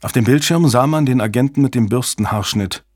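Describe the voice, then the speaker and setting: A man reading a thriller audiobook as narrator, in a measured, dramatic style. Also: mid-range voice, darkish tone, dry recording, studio quality. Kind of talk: scripted narration.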